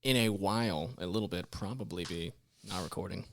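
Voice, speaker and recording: A man's voice: low-pitched, a little fast, a bit bright. A man co-hosting a podcast with sardonic, teasing, profane casual banter, in an emptied room with a cave-like echo. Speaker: podcast co-host.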